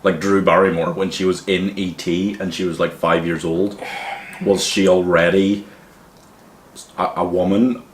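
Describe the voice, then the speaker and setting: A man's voice: deep voice, little pitch movement, measured pace, slight background noise. A young man hosting a comedy podcast in casual banter, rambling and mock-earnest, swearing freely. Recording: echoey room.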